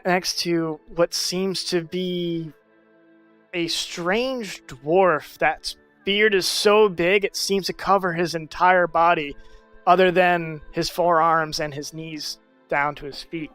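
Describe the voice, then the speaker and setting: Bright, clear-voiced man running a tabletop game. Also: high voice, fairly even intonation, faint music behind. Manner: loose, rambling, halting narration. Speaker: game master. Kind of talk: narrating a tabletop game over voice chat. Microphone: voice chat mic.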